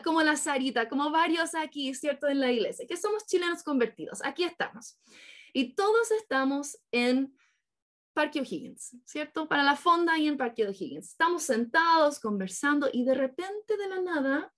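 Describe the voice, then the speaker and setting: A woman with a bright, high voice delivers a sermon to a congregation. She tells the story as an imagined scene and keeps asking her listeners for agreement as she goes. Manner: engaging, keeps checking in with listeners. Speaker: preacher.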